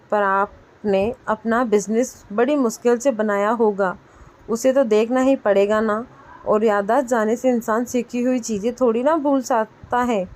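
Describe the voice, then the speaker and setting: A protective young husband in a storybook tale, tender with his sick wife and quick to scold her gently. The voice stays fairly high, since a woman narrator reads him. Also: natural voice. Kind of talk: storybook dialogue reading.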